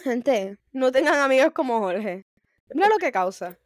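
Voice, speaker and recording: High-pitched blunt Puerto Rican woman. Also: expressive, measured pace, no room sound, clean studio sound. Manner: blunt, slangy, scolding teasing. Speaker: podcast co-host. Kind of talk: casual chat.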